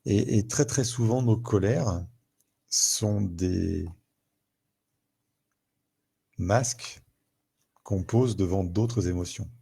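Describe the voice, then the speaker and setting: A man's voice: fairly low pitch, slow, creaky, warm tone, husky. A man speaking as a therapist in a live talk, thinking aloud, repeating words and acting out everyday scenes to explain emotions.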